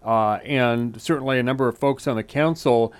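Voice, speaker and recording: A man interviewing a new city staff member, asking questions and speaking haltingly, with many fillers. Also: mid-range voice, steady tone, clean tone. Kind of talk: conversational interview.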